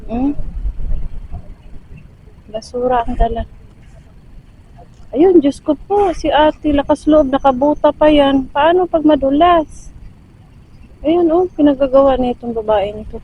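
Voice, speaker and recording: A woman's voice: sits high, a little slow, pauses often, lo-fi sound, a little hiss or hum. A woman from the Philippines walking outdoors by a river, chatting to viewers and exclaiming often into a handheld phone. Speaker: vlogger. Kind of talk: casual walking vlog.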